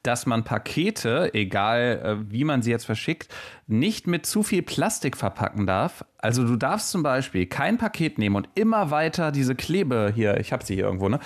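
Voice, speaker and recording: A man's voice: medium pitch, moderate pace. A man co-hosting a podcast, telling funny stories in a casual chat, acting out quotes and laughing often. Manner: lively storyteller, acts out quotes, laughs often. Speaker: podcast co-host.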